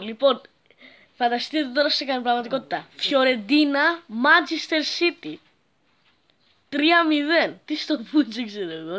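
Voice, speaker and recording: A male YouTuber giving joking, crude gameplay commentary that bursts into excited shouts. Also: very high-pitched, poor audio. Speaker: gaming YouTuber.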